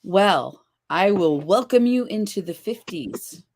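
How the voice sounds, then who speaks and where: Laughing as she reads out viewer comments, a chatty livestream host in her fifties takes things slowly. Her mid-range voice has a darkish tone and lively intonation.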